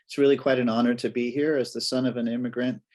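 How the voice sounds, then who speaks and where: A man's voice: medium pitch, little pitch movement, fast, a little mellow. A man from Washington State giving a slide presentation as a physician and academic, with hesitant, conversational phrasing. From Washington State, United States.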